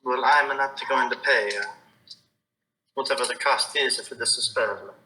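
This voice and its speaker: A man playing a tabletop game talks in a matter-of-fact way. His voice is very bright and sharp. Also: medium pitch, unhurried, rough recording. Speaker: player. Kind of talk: casual tabletop game talk.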